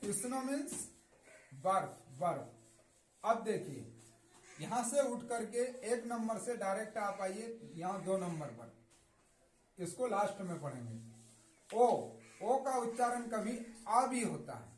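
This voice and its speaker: A man's voice: high-pitched, darkish tone. A man with a Hindi accent teaching English pronunciation. He repeats each word several times and answers his own questions. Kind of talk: classroom lesson on English pronunciation. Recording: echoey room.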